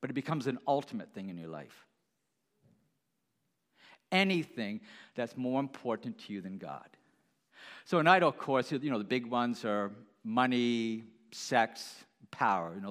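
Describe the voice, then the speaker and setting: Lively conversational male preacher. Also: medium pitch. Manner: conversational, asks the congregation questions, halting restarts. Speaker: pastor. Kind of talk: sermon.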